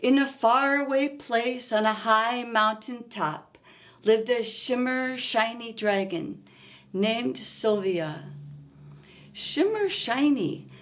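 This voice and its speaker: Her voice on the high side and her pace slow, a woman leads a children's storytime, reading from a picture book with coaxing expression and posing questions to the little listeners.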